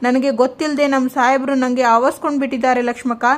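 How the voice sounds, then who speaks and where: A woman's voice: high-pitched, flat delivery, quick pace, natural voice. A woman voicing a troubled young wife who earnestly confides her feelings. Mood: confiding. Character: young newly married woman, troubled and in love.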